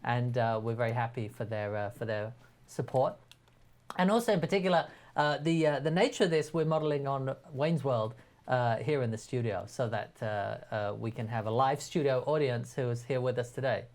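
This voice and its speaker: A man's voice: mid-range voice, moderate pace, a little mellow. A man hosting a live web show, upbeat but stumbling over his words as he announces news and introduces guests. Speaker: host.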